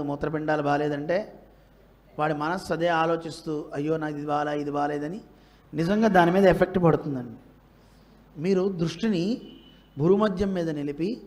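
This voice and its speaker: A man giving a devotional discourse, chanting verses slowly and asking the audience rhetorical questions with emphasis. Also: high voice. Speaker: religious teacher.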